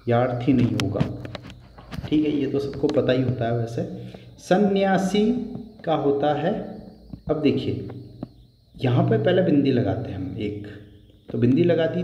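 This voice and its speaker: A man teaching a Hindi spelling lesson, slow and patient, repeating each word for emphasis. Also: mid-range voice, mellow, roomy sound, in a large hall, lo-fi sound, a little hiss or hum.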